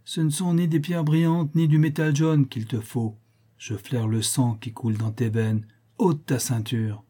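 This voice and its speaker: Guy putting on an ancient shrivelled witch, thin shrill voice, slow chanty prophecy, husky underneath. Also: fairly even intonation, warm tone. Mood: ominous.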